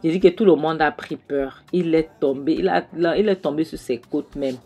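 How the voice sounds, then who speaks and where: A woman's voice: deep voice, normal speed, gravelly, mellow, husky. A woman casually retelling a film scene by scene, often checking in with the listener as she goes. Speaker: film recap narrator. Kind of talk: casual film recap storytelling.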